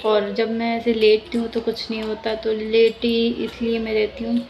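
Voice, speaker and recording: A woman's voice: on the high side, monotone, moderate pace, background noise. Chatty young woman, tired, lying down. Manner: rambling, chatty, many fillers and restarts. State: pregnant, tired, talking lying down. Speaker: vlogger. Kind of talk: casual vlog chat. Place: at home, lying down.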